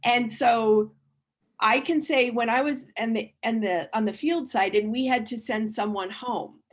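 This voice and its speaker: A woman's voice: a little high, a little slow. A woman giving a workshop presentation, earnest and thinking aloud, with frequent restarts and repeated words. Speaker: conference speaker.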